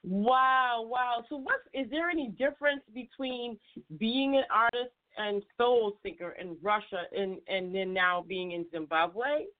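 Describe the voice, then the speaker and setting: A woman's voice: a little high, measured pace. A woman hosting a radio podcast, talking in a chatty, casual way as she leads an interview. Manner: chatty, frequent fillers and restarts. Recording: tinny phone-like audio.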